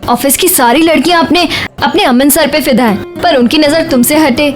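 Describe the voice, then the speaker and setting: A woman's voice: sits high, normal speed, faint music behind, natural voice. A woman playing a chatty coworker who teases her friend. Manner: teasing, chatty. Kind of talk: TV drama dialogue.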